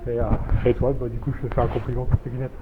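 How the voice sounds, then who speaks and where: A man's voice: mid-range voice, little pitch movement, very fast. A man from northern France chatting casually with strangers in the street, caught candidly on a hidden mic. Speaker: street interviewer approaching strangers. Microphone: hidden camera microphone. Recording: muffled hidden mic, loud noise.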